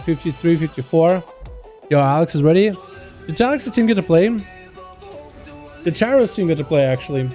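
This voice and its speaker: A young Russian man with a high yet mellow voice casts video game duels on a livestream, chatting loosely and calling his viewers "boys." Faint music plays beneath his casual game commentary.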